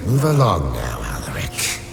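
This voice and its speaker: Very deep, imperious undead lich. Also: male voice, wildly swooping pitch, full character voice. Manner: imperious, deliberate. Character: commanding undead male lich speaking inside a mind. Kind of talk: dark fantasy audio story acting. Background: music.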